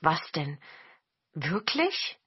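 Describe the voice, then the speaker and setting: A woman's voice: fairly low pitch, sing-song, a little slow, slightly rough, dry recording, lo-fi sound, heavily acted. Woman doing a humble old village man. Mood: mild.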